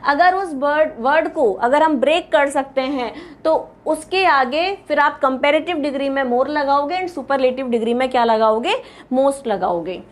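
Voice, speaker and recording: Teaching grammar in a classroom lecture, an Indian-accented woman with a high, light voice and lively intonation speaks at normal speed. She patiently spells out word lists one item at a time and repeats them, while faint board-writing sounds come through behind her.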